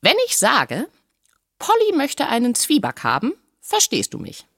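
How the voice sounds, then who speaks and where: A woman voicing a proud, clever female parrot who lectures insistently and squawks high bird calls, in an audiobook reading. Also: wildly swooping pitch, a little slow, a bit bright, breathy edge, no room sound, studio quality, exaggerated voice. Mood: bossy proud.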